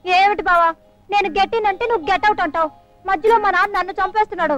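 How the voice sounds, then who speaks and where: Brief: giddy, teasing young daughter, very high voice, rapid chatter, dry sound, 1980s film. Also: female voice, fairly even intonation, a bit bright, soft background music. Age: young adult. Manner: bubbly, mixes in English words, catchphrase.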